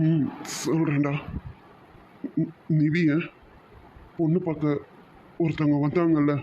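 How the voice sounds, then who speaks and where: A man voicing a heartbroken young man who speaks slowly and hesitantly, on a dull lo-fi cartoon recording. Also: fairly high pitch, flat delivery, warm tone, slight background noise. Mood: sad. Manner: slow, hesitant, halting.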